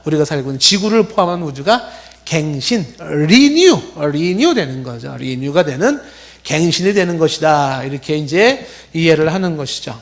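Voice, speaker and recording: A middle-aged man preaching a teaching sermon in a high, lively voice that swings widely in pitch. He walks through scripture and asks himself rhetorical questions to explain each point. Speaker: pastor. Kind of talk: expository sermon.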